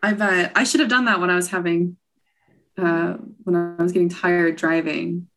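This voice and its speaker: A woman's voice: fairly low pitch, normal speed. A woman guest on a podcast, telling road trip stories in casual chat, giggling and quoting herself. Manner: animated storyteller, giggly, quotes herself.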